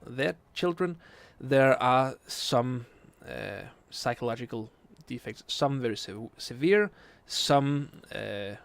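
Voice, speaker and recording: A man from Denmark, in his late twenties, reads viewer questions during a late-night game stream, speaking slowly with lively intonation and few pauses. His mid-range voice is creaky, and he hesitates with many fillers while finding English words, showing a Danish accent.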